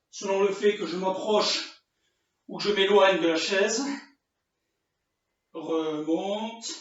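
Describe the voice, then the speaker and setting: Man coaching a workout, high and echoey. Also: a bit bright. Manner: counts reps aloud, grunts with effort, encouraging. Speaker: fitness coach. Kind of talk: home workout instruction. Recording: distant, roomy, dull sound.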